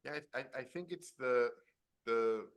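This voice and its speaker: A man in an interview talking about his work as a filmmaker, animated and telling stories, acting out the voices of others in quotes. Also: medium pitch, a little slow. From Mexican family. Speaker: guest, filmmaker. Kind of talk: conversational interview.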